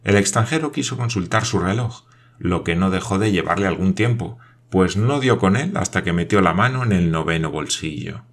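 A male narrator with a very deep voice reads a novel aloud. His delivery is measured and even, a steady scripted audiobook reading.

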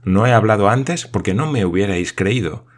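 A man voicing an excitable, talkative male geographer in an audiobook, speaking eagerly and with emphasis. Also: on the low side, moderate pace.

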